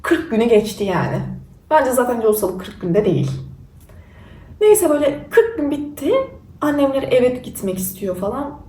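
A woman's voice: a little high, sing-song, normal speed, warm tone. Young woman telling a story, roomy and distant. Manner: candid and self-mocking. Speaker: vlogger. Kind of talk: casual storytelling.

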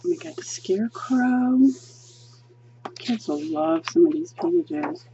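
A woman flips through a coloring book at an indoor table, hands visible on the pages, giving a chatty, gushing review full of ums as she thinks aloud. She takes it slowly in a fairly high, gravelly yet mellow voice with big pitch swings, and the audio is dull.

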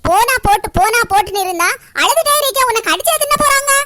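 A woman voicing a stern older aunt who scolds loudly in a cartoon. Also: very high-pitched, fast. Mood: scolding. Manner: loud, scolding, threatening.

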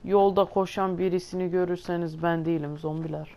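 Her voice is low, gravelly and mellow, steady in tone and brisk in pace, with soft music behind it. As a gaming host talking right to her audience, she swears heavily and grumbles in exasperation throughout her gameplay commentary.

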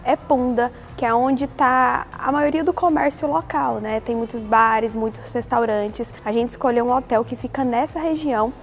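Chatty high-voiced woman travel vlogger. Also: moderate pace, hardly any pauses. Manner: friendly, talks straight to viewers as "gente". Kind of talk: chatty travel vlog narration.

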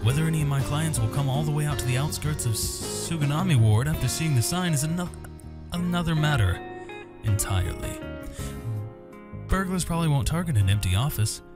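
A gaming host with a slightly high, lively voice reads visual novel text aloud at a somewhat quick clip, adding asides and tripping over a few words and names. Guitar-driven game music plays beneath him.

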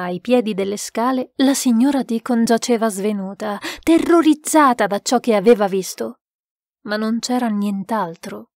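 A woman narrating an audiobook in a tense, measured storytelling manner. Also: fairly high pitch, a little mellow, no echo, clean studio sound.

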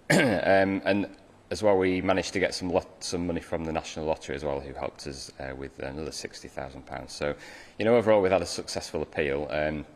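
A man in his thirties with a low voice answers live interview questions. He feels his way through sentences with plenty of ums and you-knows. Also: fairly quick. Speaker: railway operations manager, interviewee. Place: large railway engine shed, indoors.

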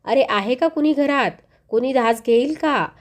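A woman voicing an old beggar woman who is a goddess in disguise, talking slowly between coughs and scolding in anger. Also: fairly high pitch, lively intonation, warm tone, lightly acted. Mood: weary.

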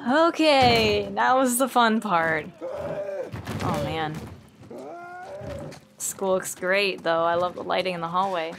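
A woman's voice: medium pitch, takes it slowly, pauses often, background noise. A young adult woman giving casual gameplay commentary as a streamer, sarcastic and talking to the game. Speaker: gaming streamer. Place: small indoor home streaming room. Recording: game sounds behind the voice. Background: video game sounds.

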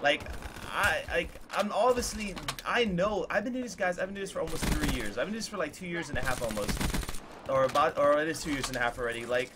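A gaming YouTuber in his early twenties talks candidly to viewers over gameplay, earnest and fast, his voice slightly high. He rambles and circles back with many fillers, speaking into a desk mic in a small room at home. Video game gunfire is clearly heard behind him, along with background noise.

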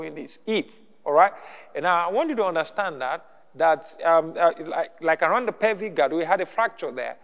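Male pastor, higher-pitched voice, sermon with call-and-response checks, church hall with long reverb. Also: smooth.

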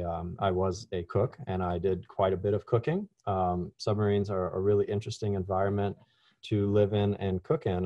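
Speaking over a video call mic, a university food science presenter from Louisiana, USA, gives a relaxed online webinar talk peppered with ums and restarts. His voice is deep and warm, with no room sound.

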